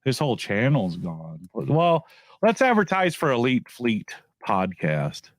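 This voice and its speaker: A man's voice: mid-range voice, wildly swooping pitch, takes it slowly, no room sound, studio quality. A man ranting casually to his viewers as a YouTube commentator, profane and repetitive, often restarting his phrases. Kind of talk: casual rant to camera.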